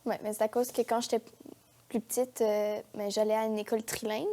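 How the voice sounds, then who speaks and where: A teenage girl, a young actress with a Quebec French accent, chats casually as an interview guest in a TV studio. Her mid-range voice is warm but flat in delivery and a little fast, and her youthful, informal talk is peppered with "genre" and "comme."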